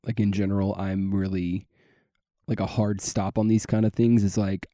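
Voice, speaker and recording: Low-voiced earnest man rambling. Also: little pitch movement, normal speed, warm tone, no echo, clean studio sound. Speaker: podcast co-host. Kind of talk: casual faith podcast chat.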